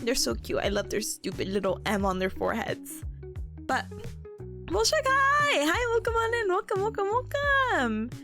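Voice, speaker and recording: Reading out viewer messages on her study stream, a young woman chats casually in a very high, bright, pushed voice with huge pitch swings at a moderate pace. She's bubbly and giggly, her voice partly worn out, with faint music behind.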